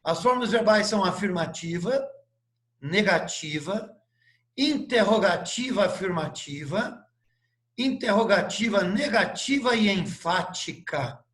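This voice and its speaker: Male English teacher, Portuguese native, slow and patient, lots of questions to the class. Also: high-pitched, expressive, fairly bright tone, roomy sound. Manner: patient, spells words letter by letter and asks questions. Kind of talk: live online lesson.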